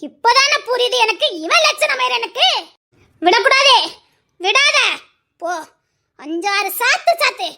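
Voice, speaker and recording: A woman's voice: very high-pitched, expressive, measured pace, long pauses, sharp tone, full character voice. An actress playing a bitter, abandoned middle-aged wife who lectures emphatically and repeats her warnings, in serial drama style. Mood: urging. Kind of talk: Tamil serial drama acting.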